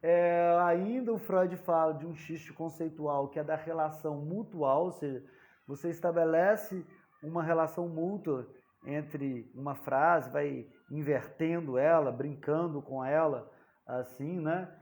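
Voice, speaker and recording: A man's voice: fairly high pitch, measured pace, darkish tone. A man giving an informal lecture, talking conversationally, dropping frequent tag questions and acting out the dialogues of jokes. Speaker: psychoanalysis lecturer.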